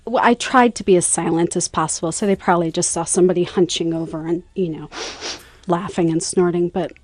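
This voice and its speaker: A woman's voice: fairly low pitch, fairly quick, dry recording. Giggly American woman telling a story. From United States. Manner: animated, giggly, breaks into laughter. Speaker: interview guest. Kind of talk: casual storytelling.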